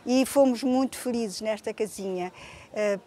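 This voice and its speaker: A woman's voice: fairly high pitch, measured pace, mellow, slight background noise. An older woman fondly reminiscing in an interview, recorded outdoors in a courtyard. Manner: fond, reminiscing. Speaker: former resident.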